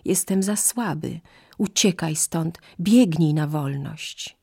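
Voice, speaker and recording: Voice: mid-range voice, takes it slowly, gravelly, mellow, slightly rough, no echo, clean studio sound, heavily acted. A narrator voicing a great wounded stag. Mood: weak.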